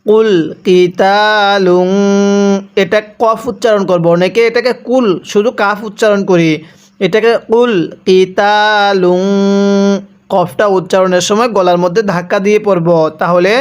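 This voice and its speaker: A man teaching Quran reading by spelling, reciting words slowly and explaining the rules quickly in between, asking listeners to repeat after him. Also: high voice, steady tone, clear, resonant tone. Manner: slow drawn-out recitation alternating with rapid explanations; calls on listeners to read along with him.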